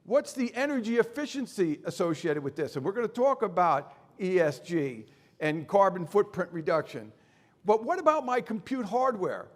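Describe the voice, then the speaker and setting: A middle-aged man presenting at a conference, animated and folksy, peppering his talk with rhetorical questions and jokey asides. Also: high-pitched, normal speed. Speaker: conference speaker.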